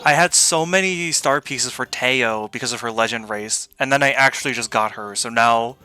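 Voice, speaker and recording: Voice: mid-range voice, normal speed, sharp tone, clear, resonant tone, faint music behind. A streamer chatting casually with a co-voicer, giggly and talkative.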